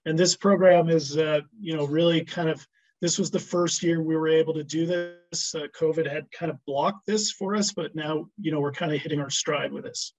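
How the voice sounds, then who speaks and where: A man's voice: on the high side, fairly even intonation, normal speed, darkish tone, rough recording. A man presenting a ski program on a video call, hesitant with many restarts and fillers.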